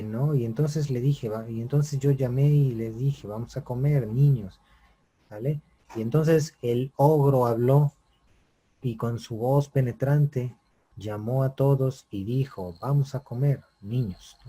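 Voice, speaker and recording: A man's voice: mid-range voice, mellow, slightly rough. A man teaching a writing class, explaining step by step and checking in often with his students. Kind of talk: online class lecture.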